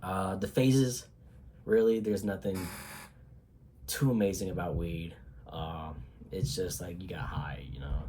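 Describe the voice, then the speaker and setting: A man's voice: deep voice, fairly even intonation, a little slow, mellow, slight background noise. A young man with a cold, congested and sniffly, talking casually to camera in a rambling way with many fillers and some swearing. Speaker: vlogger.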